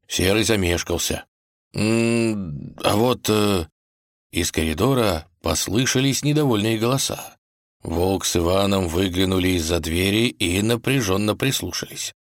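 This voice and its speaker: Male storybook narrator, low and expressive, lively delivery. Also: normal speed, no room sound, clean studio sound. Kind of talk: storybook reading.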